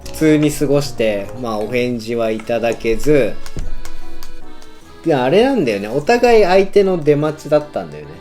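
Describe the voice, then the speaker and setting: Animated man in casual reminiscence. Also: mid-range voice, moderate pace. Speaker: husband and father co-hosting a couple's chat. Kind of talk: casual chat, telling a story from their dating days. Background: background music.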